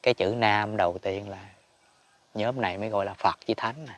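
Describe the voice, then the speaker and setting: A man's voice: fairly low pitch, fairly quick. A man giving a casual Buddhist teaching talk, chatty and emphatic, chuckling often. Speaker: spiritual teacher.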